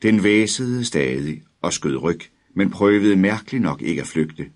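A man narrating a dark audiobook story in a measured, dramatic way. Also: low voice, animated.

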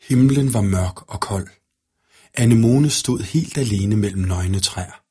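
A man narrating a fairy-tale audiobook in a steady storytelling manner. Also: fairly low pitch, breathy edge.

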